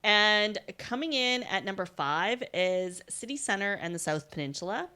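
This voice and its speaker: A woman's voice: medium pitch, expressive, moderate pace, sharp tone, clear, resonant tone. A woman co-hosting a podcast, chatting through figures and adding her own asides. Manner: chatty, explains numbers with asides. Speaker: podcast co-host. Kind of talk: casual podcast chat with market figures.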